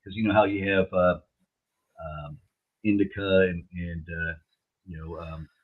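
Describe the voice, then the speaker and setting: A man chatting casually in a laid-back stoner way, halting and searching for words. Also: sits low, fairly even intonation, slightly rough. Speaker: logo artist and co-host. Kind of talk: casual chat. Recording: dull, lo-fi, muffled sound.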